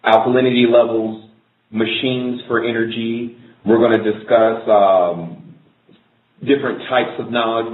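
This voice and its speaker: A man hosting a live internet radio show from an office, talking loosely and rambling while he sorts out technical problems on air. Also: lowish voice. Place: office in a corporate building. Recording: echoey, tinny phone-like line.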